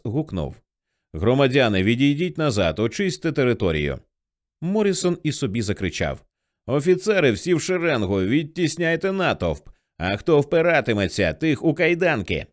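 Man, audiobook narration, lively rising and falling pitch, mid-range voice, voices the characters.

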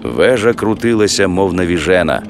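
A man narrating an audiobook in a steady, measured reading. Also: low voice, gravelly, noisy background.

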